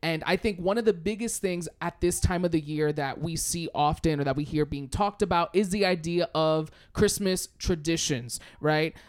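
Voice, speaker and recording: A man's voice: a little high, normal speed, hardly any pauses. A young adult man hosting a casual faith-themed chat, easygoing and full of "you know" fillers. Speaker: podcast host.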